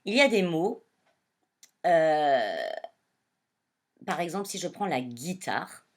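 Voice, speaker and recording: Slow, lively woman teaching young children. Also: low voice. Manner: slow, clearly articulated, addressing children. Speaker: primary school teacher. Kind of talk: reading lesson for young children.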